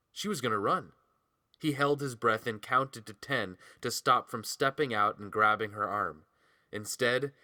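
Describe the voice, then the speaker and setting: A man narrating a romance audiobook in a measured, expressive way, close to the mic. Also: lowish voice, no room sound.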